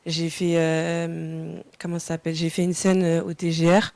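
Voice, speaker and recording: A woman's voice: fairly low pitch, little pitch movement, normal speed, vocal fry, a little mellow, dry recording. A young woman from France, a singer answering interview questions casually, hesitant with many fillers and restarts.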